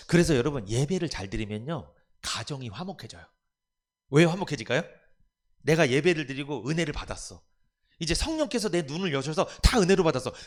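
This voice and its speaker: A man pastor preaching a sermon in church, asking the congregation rhetorical questions and acting out family members' voices. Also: on the high side. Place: church sanctuary.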